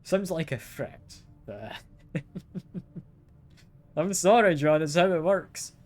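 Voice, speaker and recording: A man's voice: on the high side, expressive, slow pace. Chatty man streaming a game. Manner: chatty, asks chat questions, chuckles often. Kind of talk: casual live gameplay chat.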